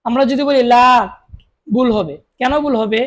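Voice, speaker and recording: A woman's voice: fairly high pitch, a little mellow. A woman teaching Quran reading, spelling out Arabic syllables one by one and asking listeners to repeat after her, with short explanations of the rules. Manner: slow, drawn-out recitation of each syllable, with short explanations of rules.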